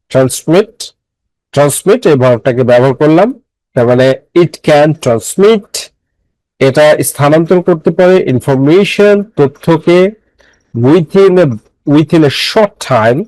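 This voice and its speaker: Male grammar teacher, fairly high voice, dry close mic. Methodical, repeats and quizzes the class. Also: darkish tone, no room sound, low-quality recording. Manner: explains step by step, repeats phrases and quizzes listeners; mixes English phrases into his speech. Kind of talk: classroom lecture.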